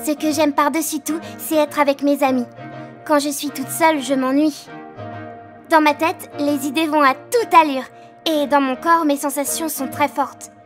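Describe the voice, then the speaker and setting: A woman voicing Pêche, an energetic, excitable little girl in a children's audio story, talking fast and loud. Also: high voice.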